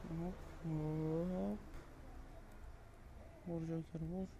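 Young man, gameplay commentary, high voice, gravelly, exasperated, swearing. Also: flat delivery, extremely slow, highs cut off, slight background noise. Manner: exasperated, swearing, shouting in frustration. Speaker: gaming video creator.

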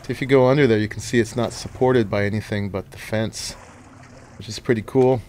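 A man's voice: lowish voice, fairly even intonation, fairly quick, a little mellow, slight background noise. Chatty man narrating his game build. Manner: chatty, laughs often, explains as he plays. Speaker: game let's-play host. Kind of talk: casual gameplay commentary.

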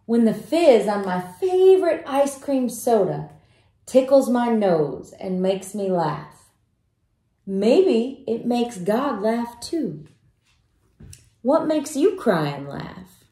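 A woman reading a children's picture book aloud in a slow, gentle way, stopping to ask young listeners questions. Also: a little high, sing-song. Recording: roomy echo.

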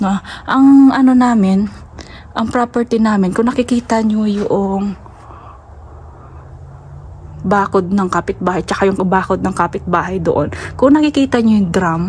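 A Filipino woman vlogs a tour of her house over background noise, chatting casually to viewers as she walks through a large basement and outside in the snow. Her medium-pitched, slightly mellow voice is measured with long pauses, on a noisy handheld recording made on the move.

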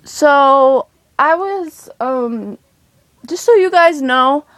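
A young woman chatting excitedly in a casual home vlog, rambling with many ums and gushing asides. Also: high voice, extremely slow, no room sound. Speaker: vlogger.

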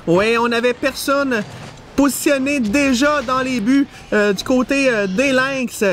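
A man's voice: extremely high pitch, a little slow, a bit bright, slight background noise. A man with a Quebec French accent analysing an esports match, piecing his phrases together hesitantly.

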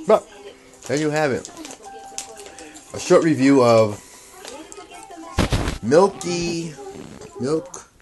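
A middle-aged man giving a casual, low-key snack review in a matter-of-fact way, recorded on a handheld camera at home. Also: slow pace, pauses often, low-quality recording. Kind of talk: casual food review vlog. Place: small room at home, indoors. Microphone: handheld camera at close range.

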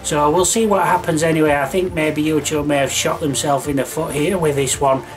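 A man's voice: fairly high pitch, fairly even intonation, a little fast, faint music behind. A man, a mobile DJ vlogging casually to camera from home, rambling with many ums and restarts. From England. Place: small room at home. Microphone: camera close to the face.

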